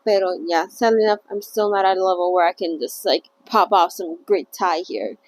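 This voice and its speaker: Hosting a casual read-along of a novel on her channel, a woman sounds chatty and a bit self-conscious, filling gaps with fillers and laughter. Her pitch is medium and her tone steady, her pace fairly quick, and there's no room sound.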